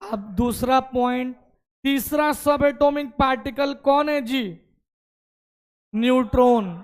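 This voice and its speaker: A man's voice: very high voice, fairly even intonation, slow pace. A man teaching chemistry to a classroom of students. He explains step by step and keeps asking the class questions.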